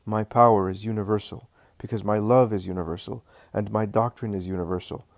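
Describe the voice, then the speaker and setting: A man voicing Jesus, speaking in a measured, solemn way. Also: on the low side, fairly even intonation, vocal fry, dry recording, studio quality. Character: Jesus, calm solemn male teacher.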